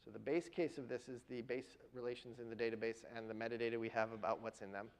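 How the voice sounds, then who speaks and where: A man giving a university lecture in a classroom, his voice pitched in a middle register. He walks through the material step by step and keeps checking in with the students. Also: steady tone, fast, poor audio. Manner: explains step by step, often checks in with "right?" and "okay?". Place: lecture hall.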